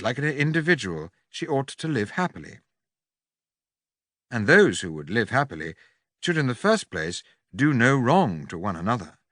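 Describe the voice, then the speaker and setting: A man reading a philosophical audiobook in a formal, measured, oratorical manner. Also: mid-range voice, fairly bright tone, dry recording, studio quality. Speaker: audiobook reader.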